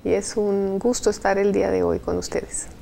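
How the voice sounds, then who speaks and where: A woman's voice: medium pitch, little pitch movement, creaky, mellow, a little hiss or hum. A woman from Colombia, a guest on a Bible study program, explaining carefully and often adding "¿no?". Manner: measured, explanatory, frequent "¿no?" tags. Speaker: guest, university staff. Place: TV studio.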